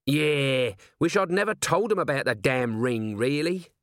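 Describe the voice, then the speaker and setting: A scruffy city watchman from an audiobook tale grumbles in coarse, muttered phrases. A man puts him on in a middle-pitched voice, close and dry. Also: expressive, unhurried, no echo, close to an everyday voice. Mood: grumbling.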